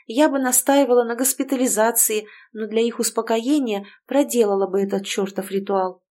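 A woman voicing a blunt, skeptical young woman in an audiobook, speaking in excitable, brash bursts. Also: fairly high pitch, normal speed, lightly acted. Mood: arguing. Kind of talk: audiobook character voice.

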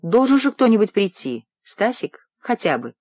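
A woman's voice: medium pitch, big pitch swings, normal speed, darkish tone, no room sound, pitched above the performer's own voice. A male reader voicing Marina, an ill, proud young woman who speaks with dry, clipped sarcasm, in an audiobook. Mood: wry, feverish.

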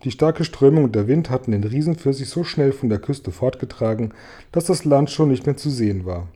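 A man reading a children's storybook aloud with lively expression. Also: mid-range voice, brisk. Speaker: audiobook reader.

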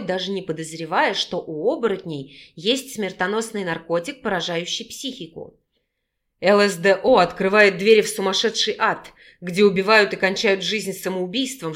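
A woman giving steady scripted narration of a romance novel audiobook. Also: mid-range voice.

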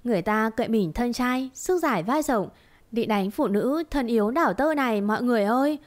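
A woman's voice: on the high side, expressive, fast talker, darkish tone, close to an everyday voice. A woman voicing a mischievous young mistress in a storybook reading, wailing theatrically.

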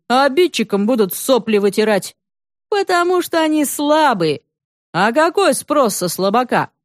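A woman reading the lines of a blunt, loud uncle in a story, speaking emphatically and roughly. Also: fairly high pitch, dry recording, studio quality. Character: brash blunt uncle, man, middle-aged.

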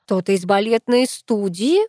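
A woman's voice: medium pitch, darkish tone, dry recording, clean studio sound, lightly acted. A woman voicing a strict, proud grandmother in an audiobook. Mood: stern. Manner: stern, measured.

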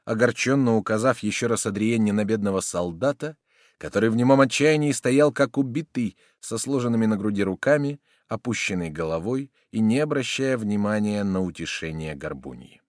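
A man's voice: fairly low pitch, expressive, a little fast, no echo, clean studio sound. A man narrating a classic novel as an audiobook, dramatic in his reading. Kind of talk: scripted literary narration.

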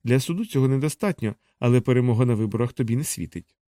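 A man reading as a clever young girl who calmly and firmly stands up to her brother. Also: mid-range voice, quick pace, no room sound, natural voice.

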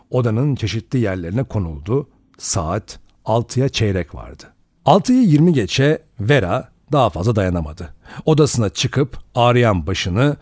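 Expressive male audiobook narrator. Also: mid-range voice, no room sound, studio quality. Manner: expressive, varies pace for suspense.

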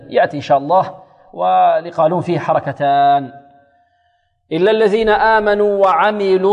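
A male Quran recitation teacher with a fairly high voice, working through tajweed rules and stopping often to quiz his students. He recites each example slowly and repeats it several times. A long reverb trails behind his words.

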